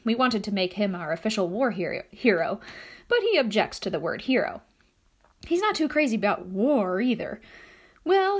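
A woman reading a novel aloud as first-person narration, in a lively, expressive storytelling manner. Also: mid-range voice. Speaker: audiobook narrator.

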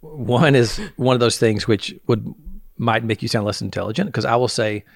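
A man's voice: medium pitch, normal speed, gravelly, dry recording, studio quality. A man with an Alabama Southern accent, hosting a casual podcast chat in an easygoing way. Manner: easygoing, laughs along. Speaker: podcast host. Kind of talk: casual conversation.

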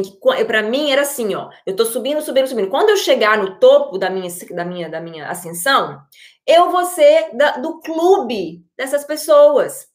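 Energetic Brazilian woman, high voice. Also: roomy sound. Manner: energetic and expressive. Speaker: online creator and entrepreneur. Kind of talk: motivational talk to the audience.

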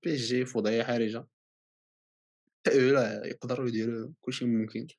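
A man's voice: medium pitch, fairly even intonation, a little fast, darkish tone. A man with a Moroccan accent in a casual football debate, insistently repeating himself and dropping in many French phrases.

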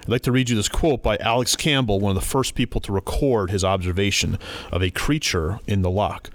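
A man's voice: fairly low pitch, brisk. A man co-hosting a podcast in casual chat, telling stories with animation and reading quotes aloud. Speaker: podcast co-host.

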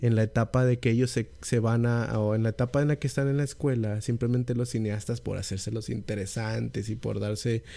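A man's voice: medium pitch, fairly even intonation, brisk, gravelly, hardly any pauses, mellow. A man co-hosting a casual film podcast, chatty and rambling with frequent restarts. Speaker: podcast co-host.

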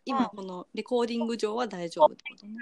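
A woman's voice: medium pitch, quick pace, gravelly, no room sound, studio quality. A young woman co-hosting a casual chat over a call, chatty and laughing often. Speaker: podcast co-host. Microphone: remote call recording.

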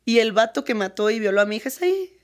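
A woman's voice: on the high side, big pitch swings, fast talker. A young woman with a Mexican accent, speaking earnestly and with animation as a guest in a casual interview, often breaking into laughter.

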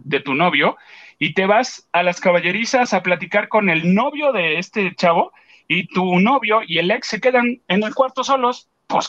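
A man with a Mexican Spanish accent co-hosts a radio show, casually retelling a theater outing and animatedly acting out the voices of the people involved. His voice is high and a bit bright, with the highs cut off.

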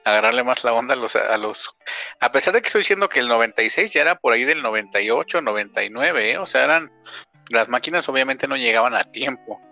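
A man with a Mexican accent, animated and swearing freely in casual chat. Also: medium pitch, fast talker, creaky, soft background music. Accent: Mexican Spanish. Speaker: podcast co-host.

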